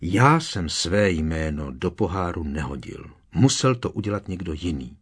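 A man's voice: low-pitched, big pitch swings, a bit bright, breathy edge, heavily acted. A man voicing an exasperated teenage boy wizard in an audiobook, protesting insistently. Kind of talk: audiobook character reading.

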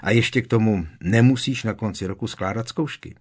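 A man's voice: fairly low pitch, slightly rough. A man voicing a sulky, sarcastic teenage boy wizard in an audiobook, with a doubtful drawl. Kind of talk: audiobook character reading.

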